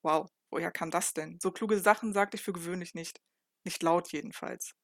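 A woman narrating a first-person novel in a calm, even reading voice. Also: fairly low pitch, moderate pace, no room sound, studio quality. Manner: calm, even reading with occasional small slips. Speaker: audiobook narrator.

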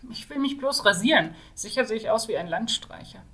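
A woman's voice: on the high side, animated, fairly quick, bright, forceful tone. A woman voicing a vain, complaining young male mage in his mid-twenties, reading him out from a fantasy novel. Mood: casual. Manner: whining, complaining.

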